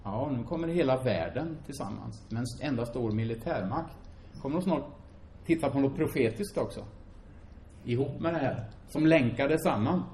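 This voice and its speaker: A man preaching a sermon to a congregation, emphatic and animated, asking rhetorical questions and repeating phrases for effect. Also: medium pitch, a little hiss or hum. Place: church hall before a congregation.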